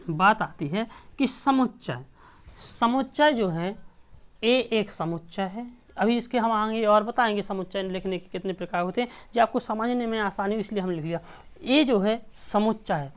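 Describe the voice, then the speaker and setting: A woman from India teaching a math class, explaining patiently and repeating each point with check-ins to the students. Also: mid-range voice.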